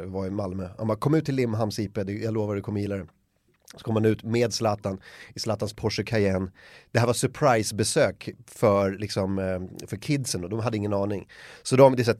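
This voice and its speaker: A man hosting a podcast, telling an anecdote in a lively, animated way and acting out the shouts of the people in it. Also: on the low side, no echo, clean studio sound. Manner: animated storyteller, acts out shouts. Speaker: podcast host.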